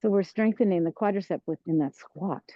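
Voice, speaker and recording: A woman teaching a tai chi class, giving serene, encouraging, unhurried movement cues. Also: fairly low pitch, dark tone. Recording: roomy, dull lo-fi sound.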